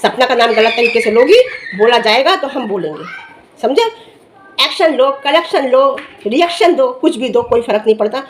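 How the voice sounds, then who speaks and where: A woman's voice: fairly high pitch, expressive, normal speed, slight background noise. A middle-aged woman giving heated, scolding commentary in a vlog, firing off rhetorical questions and challenges. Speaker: vlogger.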